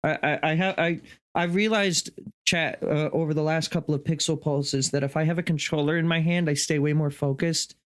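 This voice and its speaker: A man's voice: fairly high pitch, steady tone, fairly quick. A young man co-hosting a gaming podcast, chatting bluntly and stumbling over his first words. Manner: chatty, blunt, stammering starts. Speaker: podcast co-host. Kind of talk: casual chat.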